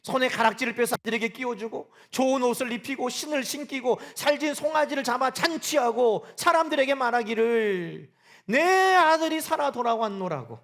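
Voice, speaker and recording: Male pastor, high voice, earnest sermon, emphatic building declarations, live church mic. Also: brisk, hardly any pauses, a bit bright. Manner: earnest, addresses congregation as 여러분, rising emphatic declarations. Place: church sanctuary. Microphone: live service microphone.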